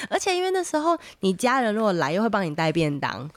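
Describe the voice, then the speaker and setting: A woman's voice: medium pitch, wildly swooping pitch, brisk, fairly bright tone, dry recording. A pregnant woman in her thirties with a Taiwanese Mandarin accent, hosting a podcast in casual chat and laughing often. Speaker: podcast host.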